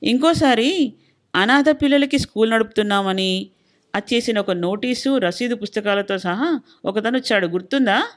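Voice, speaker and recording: A woman's voice: fairly high pitch, lively intonation, moderate pace, natural voice. A woman voicing a stubborn middle-aged husband who lectures and scolds in an insistent, suspicious way. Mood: insistent lecturing.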